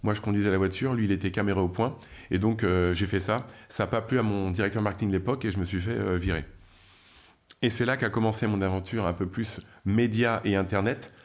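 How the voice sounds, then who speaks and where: Lowish-voiced French man recounting his career. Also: steady tone, fast talker. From France. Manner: chatty, many fillers and restarts. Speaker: guest, media founder. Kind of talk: interview storytelling.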